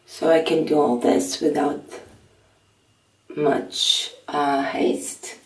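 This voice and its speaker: A middle-aged woman with a raspy early-morning voice, chatting softly through a skincare tutorial and filling her pauses with "um". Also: sits low, steady tone. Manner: soft-spoken, chatty, with frequent fillers. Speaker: beauty vlogger. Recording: echoey room, mic at a distance.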